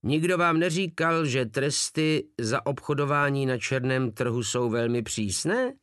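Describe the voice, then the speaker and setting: A man's voice: mid-range voice, fairly bright tone, dry recording, studio quality, close to an everyday voice. A man doing a scornful pompous field marshal. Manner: spits words contemptuously. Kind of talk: audiobook reading.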